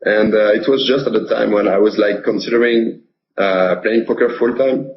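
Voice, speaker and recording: A young man from France with a French accent, speaking in a halting way with many fillers as a guest in a casual interview. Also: fairly low pitch, fairly even intonation, muffled recording, noisy background. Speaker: poker pro guest.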